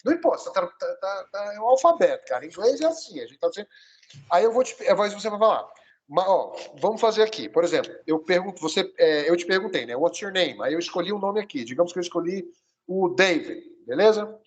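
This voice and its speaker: A man from Brazil teaching a one-on-one English lesson, coaching his student and spelling words out slowly. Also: high-pitched, very animated, muffled recording, a little hiss or hum.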